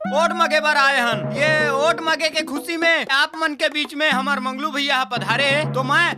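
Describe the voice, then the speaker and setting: A man plays a sharp-tongued village campaign helper with a Chhattisgarhi accent, announcing and scolding. His voice is fairly high, and loud music runs under him. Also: fairly even intonation, moderate pace. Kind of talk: village comedy drama acting.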